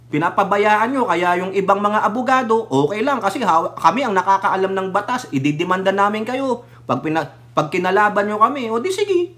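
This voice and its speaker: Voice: medium pitch, a bit bright. Filipino vlogger ranting about politics, combative and mocking, keeps firing rhetorical questions and cussing. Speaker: political commentator. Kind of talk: heated political commentary rant.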